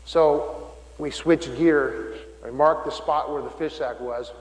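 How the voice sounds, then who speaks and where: A man's voice: fairly high pitch, fairly even intonation, slow. A middle-aged man, a deacon, preaching a homily and telling a personal story in a folksy way with frequent restarts. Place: church. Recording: roomy church with long reverb.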